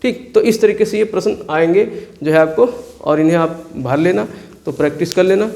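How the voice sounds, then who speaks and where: High-voiced teacher drilling map answers. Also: male voice, normal speed, vocal fry, a little mellow. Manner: asks questions and answers them himself; repeats key place names for drilling. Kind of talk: map-work exam lesson.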